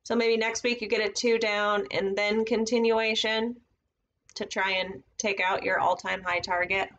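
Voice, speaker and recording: A woman's voice: medium pitch, flat delivery, unhurried, a bit bright, muffled recording, slight background noise. A woman casually teaching trading setups on a live stream, thinking aloud as she marks up charts at her computer. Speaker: trading educator.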